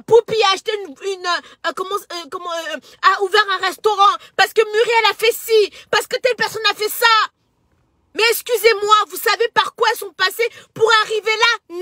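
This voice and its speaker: A woman's voice: extremely high pitch, sharp tone, dry recording, clean studio sound. A woman with a Cameroonian French accent, a social media entrepreneur, talking passionately to her followers and often stumbling over repeated words. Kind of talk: emotional direct-to-camera social media monologue.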